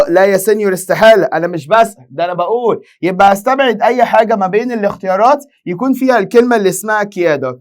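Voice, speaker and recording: A young Egyptian man with an Egyptian Arabic accent teaching an exam-prep lesson, firing rhetorical questions at students and answering them himself. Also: high voice. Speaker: Italian language teacher.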